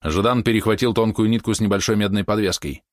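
A man reading a historical novel aloud as audiobook narrator, measured and steady. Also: lowish voice, no room sound, studio quality.

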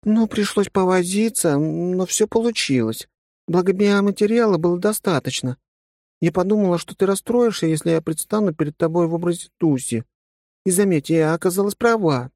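A brusque ancient warrior woman, now somebody's wife, talks in a high, bright, teasing voice, as a male reader puts her on. She sounds clipped and matter-of-fact, close and dry, with no room around her. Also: moderate pace, no echo. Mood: gentle. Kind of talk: audiobook character voice.

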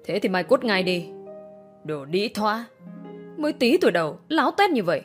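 A venomous middle-aged mother snaps insults in a harsh, cursing voice, as a woman storyteller puts her on. She sounds scornful and mean through and through. The voice sits at an ordinary middle pitch. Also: very animated, moderate pace, faint music behind, close to an everyday voice. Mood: abusive. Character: vulgar, spiteful middle-aged mother, abusive.

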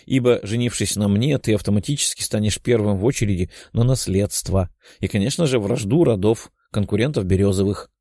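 A giggly, teasing young woman with a playful streak, as a male narrator puts her on. She is set only a little above his fairly low, mellow voice, with a dry, close sound. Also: fairly quick, no room sound. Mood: smug. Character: playful cheeky blue-haired young woman.

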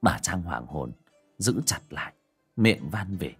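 A man narrating a dramatic audio story in an expressive way. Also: deep voice, takes it slowly, breathy edge, faint music behind.

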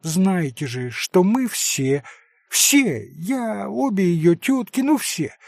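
A fluttering, excitable middle-aged lady rushes through her words in a high, breathless voice, as a male audiobook reader puts her on. She is theatrical and fussy, forever gushing. The sound is dry and close, with a husky edge. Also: dry recording, full character voice. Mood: conspiratorial. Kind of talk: audiobook character reading.

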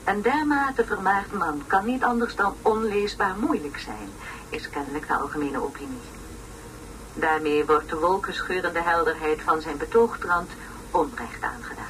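In an old radio play, an actress voices a pompous, long-winded woman lecturing on an educational tape, using solemn, over-articulated phrases. Her voice is on the low side and lightly acted at normal speed, and the recording is noisy and distant.

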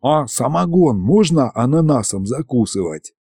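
A man voicing a cheeky little male imp sidekick in an audiobook, speaking high and excitedly with slang. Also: moderate pace, husky, dry recording, clean studio sound. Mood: gleeful. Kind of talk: audiobook character reading.

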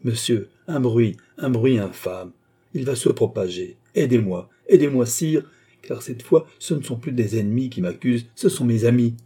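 A man's voice: mid-range voice, normal speed, warm tone, husky. A man reading an audiobook, voicing a proud young queen who pleads and protests in raised, indignant outbursts. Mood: urgent.

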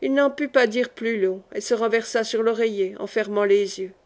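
Woman narrating an audiobook, fairly high voice. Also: steady tone, moderate pace, a little mellow. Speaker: audiobook reader.

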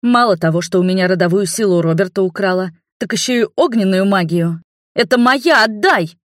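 A woman's voice: medium pitch, normal speed, dry recording, studio quality, close to an everyday voice. A woman voicing a spoiled young princess who is furious and demanding, speaking in a raised, indignant voice. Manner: indignant, shouting.

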